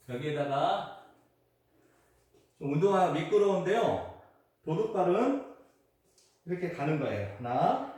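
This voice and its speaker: A man casually explaining and acting out the steps of a traditional game, with frequent exclamations as he moves. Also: a little high. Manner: chatty step-by-step instructions, frequent exclamations while moving. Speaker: host demonstrating a traditional Korean game. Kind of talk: unedited casual demonstration. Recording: echoey, distant camera audio with faint noise.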